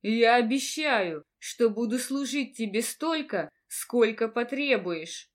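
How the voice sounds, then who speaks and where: A woman voicing a young man who speaks slowly and solemnly, making a firm vow. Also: on the high side, lively intonation. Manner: slow, solemn and forceful.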